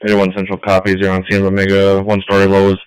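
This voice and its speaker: A man's voice: deep voice, completely flat delivery, fast, clear, resonant tone, rough recording. A man working as a fire dispatcher, reading back urgent firefighter radio reports in a procedural, matter-of-fact way on a radio channel.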